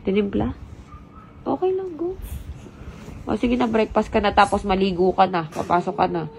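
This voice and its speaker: Gravelly-voiced Filipino mom vlogger. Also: female voice, medium pitch, moderate pace, a little mellow, a little hiss or hum, low-quality recording. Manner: chatty, talks straight to viewers. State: sick with the flu, stuffy. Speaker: vlogger and mother. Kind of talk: casual vlog chat.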